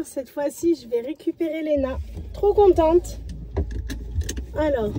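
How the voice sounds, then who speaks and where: High voiced woman doing a chatty family vlog, rambles a bit and repeats words. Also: background noise. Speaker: family vlogger. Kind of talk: casual chatty vlog talk to viewers.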